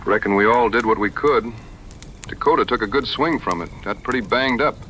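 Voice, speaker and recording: An actor playing Davy Crockett, a rugged, plainspoken, humble frontier hunter with folksy phrasing in an audio adventure drama. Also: male voice, medium pitch, a little fast, bright, forceful tone, slight background noise, close to an everyday voice, poor audio. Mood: humble, solemn.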